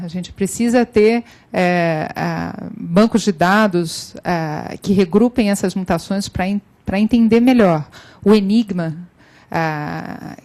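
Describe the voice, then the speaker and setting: Uma médica com sotaque brasileiro que apresenta um caso numa reunião clínica online, hesitando com muitos "é". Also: female voice, fairly low pitch, darkish tone. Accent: Brazilian Portuguese. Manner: hesitant, many "é" fillers. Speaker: physician presenting a case. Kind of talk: online clinical case meeting.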